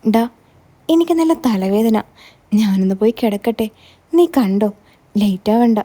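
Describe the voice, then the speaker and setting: A woman's voice: on the high side, animated, a little slow, dark tone. A woman voicing an anxious, shy middle-aged mother who speaks in worried, pleading questions in a narrated story. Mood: tired.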